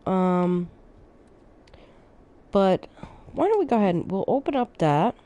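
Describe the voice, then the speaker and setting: Slow, mellow woman narrating gameplay. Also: mid-range voice. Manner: relaxed, thinking aloud, unhurried. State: sleepy, yawning. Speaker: streamer playing a city-building game. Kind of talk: casual gameplay commentary.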